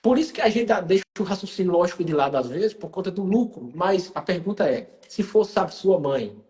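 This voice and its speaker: Emphatic man, higher voice. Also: animated, brisk, darkish tone. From Pernambuco, Brazil. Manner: emphatic, calls the guest by name often. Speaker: live stream host. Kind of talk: casual conversation.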